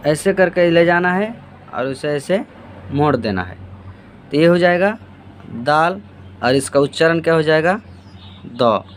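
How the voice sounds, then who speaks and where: A man walks through each letter, narrating as he draws it. His voice sits a little high for a man. He keeps asking himself what comes next and then answering. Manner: answers his own repeated questions while demonstrating. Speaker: Urdu handwriting teacher. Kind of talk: step-by-step writing lesson.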